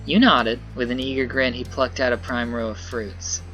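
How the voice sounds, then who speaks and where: Bright-voiced man narrating a story game. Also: medium pitch, fairly even intonation, moderate pace, soft background music. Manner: reads narration aloud and comments between choices. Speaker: gamer reading a visual novel aloud. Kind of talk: story game playthrough with commentary.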